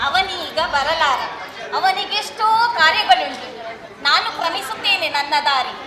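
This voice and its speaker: A woman's voice: very high voice, lively intonation, unhurried. A woman playing teasing Night. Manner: teasing, lofty. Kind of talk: stage drama. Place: large hall, live stage. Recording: echoey hall, loud crowd, music.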